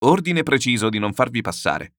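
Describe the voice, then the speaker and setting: A curt, stubborn doorman voiced by a man refuses flatly and firmly. The lines ride up and down with energy. It is a dry, close storybook recording. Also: medium pitch, moderate pace, no echo. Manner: firm, blunt.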